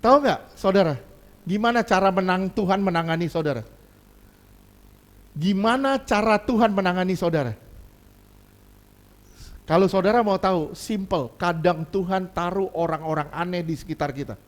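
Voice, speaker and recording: High-voiced preacher man, animated delivery. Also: moderate pace, pauses often. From Indonesia. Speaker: pastor. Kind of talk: sermon.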